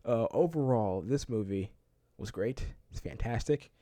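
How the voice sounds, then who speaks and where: Excited rambling man reviewing a movie. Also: medium pitch, unhurried, no echo, studio quality. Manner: enthusiastic, loose and rambling, laughs often; filler-heavy, keeps saying "like" and "man". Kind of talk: casual movie review vlog.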